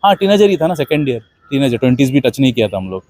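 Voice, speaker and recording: A man's voice: medium pitch, very animated, fast, a little mellow. A man telling a rambling personal story in a casual monologue, dropping in English words. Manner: rambling anecdotal, mixing Hindi with English words. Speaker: host.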